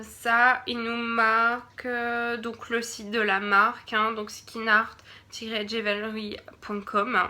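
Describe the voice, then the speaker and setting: Slow, bright-voiced French woman unboxing. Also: fairly high pitch. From France. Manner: hesitant, many fillers and restarts; drops to a murmur while checking products. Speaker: beauty box reviewer. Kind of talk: casual unboxing video.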